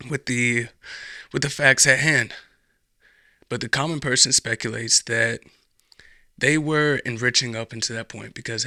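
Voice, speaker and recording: This young American podcast host has a mid-range, sharp-toned voice, recorded dry with clean studio sound. He gives casual political commentary, rambling, repeating himself, and frequently restarting his sentences.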